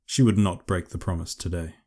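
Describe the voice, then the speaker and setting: Casting: male audiobook narrator, very deep, measured and even. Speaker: author and narrator.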